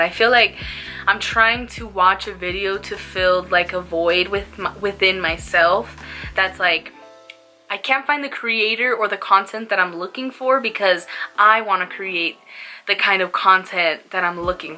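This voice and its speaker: A young woman talks casually in a slangy, laid-back stoner style. Her voice is bright and sits at an average pitch for a woman. Soft music plays behind her. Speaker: small YouTube vlogger. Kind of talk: casual smoke-along chat to camera.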